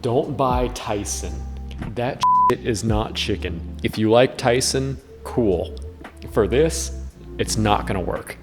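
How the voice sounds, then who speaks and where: In a reverberant kitchen with music playing, a drunk host films a cooking video, chatting casually in a goofy, giggly way and breaking into bursts of exclamation. He speaks slowly in a mid-range voice.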